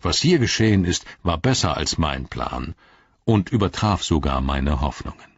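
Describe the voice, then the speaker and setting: A man voicing an ancient, wise wizard who speaks in a grave, measured, riddling way in an audiobook reading. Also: very deep voice, animated, breathy edge, dry recording, lo-fi sound, full character voice. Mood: solemn.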